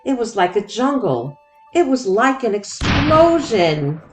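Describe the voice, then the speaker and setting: A woman narrating a children's storybook expressively, with deliberate, dramatic phrasing. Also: fairly high pitch, very animated, over music. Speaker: children's book read-aloud host.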